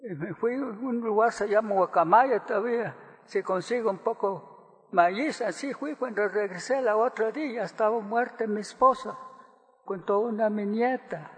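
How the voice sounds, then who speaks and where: An older man from Guatemala giving halting, soft-spoken testimony as a witness in court. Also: sits high, long reverb tail.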